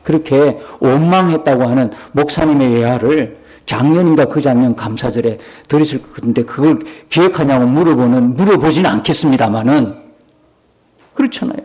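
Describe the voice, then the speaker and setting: A man's voice: mid-range voice, a little fast, darkish tone. A male pastor, preaching a sermon in an emphatic storytelling manner and acting out prayers in shifting tones. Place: church sanctuary.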